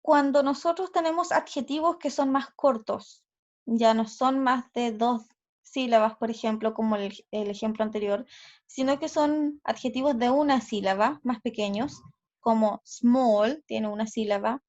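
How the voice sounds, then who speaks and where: A woman teacher with a Chilean Spanish accent explains grammar rules slowly and carefully, checking in with her students. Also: a little high, darkish tone. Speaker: English teacher. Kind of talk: recorded online grammar lesson. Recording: slightly dull lo-fi audio.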